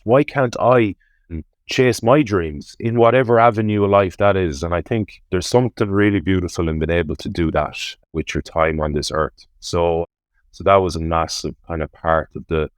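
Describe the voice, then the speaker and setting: A man's voice: low-pitched, no room sound, studio quality. A man with a west of Ireland accent, talking reflectively as an interview guest in an earnest, emphatic way and often putting questions to himself. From Galway, west of Ireland. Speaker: interview guest, ocean rowing adventurer. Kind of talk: reflective conversational interview talk.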